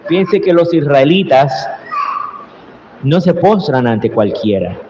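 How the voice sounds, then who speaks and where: Priest, man, unhurried earnest homily in a resonant church with a long tail, fairly high voice. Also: sing-song, dull audio, noisy background. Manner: slow, earnest preaching that swells into cried-out prayers. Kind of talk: Sunday homily. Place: large echoing church. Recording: roomy church reverb with faint ambience.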